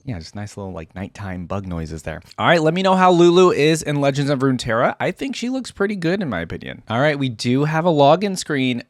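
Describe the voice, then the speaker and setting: With clean studio sound and no room sound, a man hosting reaction videos offers casual gaming commentary at medium pitch. He's easygoing and thinks aloud informally as he goes.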